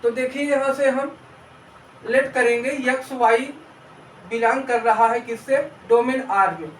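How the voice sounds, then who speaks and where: A man with a very high voice teaches maths at an unhurried pace, going over each step again and quizzing his students out loud. He mixes English maths terms into his speech. He sounds set back from the microphone in a roomy, echoing space. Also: fairly even intonation, a little hiss or hum. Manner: patient, repeats steps, asks students rhetorical questions. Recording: roomy echo, mic at a distance.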